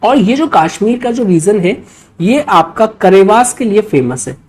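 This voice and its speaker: This history teacher, an Indian-accented woman preparing students for exams, lectures in a blend of Hindi and English. She reads quiz questions aloud and frequently tosses in check-in tags. Her voice is mid-range, animated, a little mellow and husky, and a little slow.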